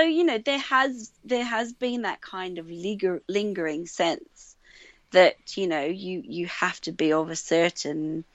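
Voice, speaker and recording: A woman with an Australian accent, a radio producer talking casually in an interview, animated and full of fillers and restarts. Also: lowish voice, dry recording. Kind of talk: conversational interview. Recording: dull lo-fi sound, dry.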